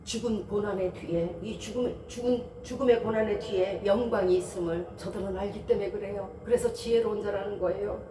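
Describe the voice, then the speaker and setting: A woman's voice: medium pitch, fairly even intonation, a little fast, hardly any pauses, mellow, distant mic, slight background noise. Woman pastor preaching in a roomy church. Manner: conversational, asks many rhetorical questions; briefly acts out the voices of people in stories. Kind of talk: Sunday sermon. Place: church sanctuary.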